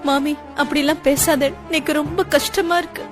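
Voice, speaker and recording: A woman's voice: sits high, steady tone, moderate pace, soft background music, natural voice. A woman playing a young widow who speaks tearfully and defiantly. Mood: meek. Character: young widow, grieving and bitter.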